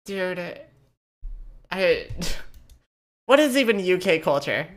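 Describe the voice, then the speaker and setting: A woman's voice: fairly low pitch, big pitch swings, slow pace. A woman co-hosting a casual comedy chat, swearing freely and joking in loose rants. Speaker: co-host.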